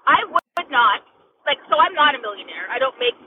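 A woman's voice: sits high, big pitch swings, moderate pace. A woman talking over a bad call connection that keeps cutting out, earnest and restarting her phrases in casual debate. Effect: choppy bad call connection. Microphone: remote call audio. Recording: tinny distant noisy call line.

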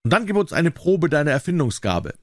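Brief: bellowing, mocking tyrant king, put on by a male reader, high-pitched and loud, dry close sound. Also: sing-song, brisk, dry recording.

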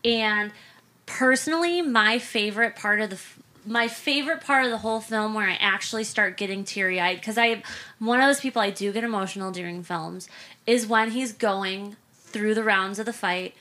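A woman's voice: mid-range voice, normal speed, bright, forceful tone. A woman co-hosting a casual film podcast, talking animatedly and acting out movie lines. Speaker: podcast co-host.

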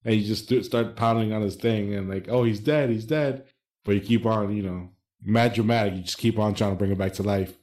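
A man's voice: fairly low pitch, flat delivery, a little fast, darkish tone. A man co-hosting a podcast, explaining his views at length in casual chat with fillers. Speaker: podcast co-host.

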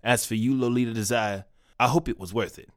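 A man's voice: mid-range voice, brisk, no echo, lightly acted. Pompous oblivious detective, dry studio read, played by a man. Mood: smug. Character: pompous bumbling male detective. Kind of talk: comedic audio drama.

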